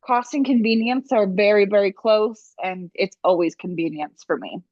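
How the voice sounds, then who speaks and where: A woman's voice: mid-range voice, moderate pace, a little mellow, no echo, muffled recording. A young woman co-hosting a podcast, chatting casually and rambling, tripping over words now and then. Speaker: podcast co-host. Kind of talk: casual chat.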